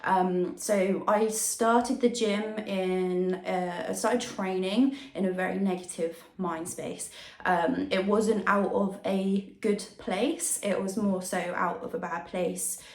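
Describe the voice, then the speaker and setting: Talking slowly and steadily in a mid-range voice, a young adult vlogger and fitness coach introduces herself and answers questions on camera. Her voice is affected by a tonsillitis sore throat, and the recording has roomy indoor echo.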